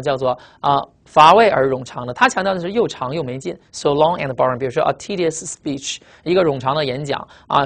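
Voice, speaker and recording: Fast-talking man teaching vocabulary. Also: fairly high pitch, a bit bright. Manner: explains word roots, repeats key phrases for memorizing; reads English words slowly and clearly. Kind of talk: lecture.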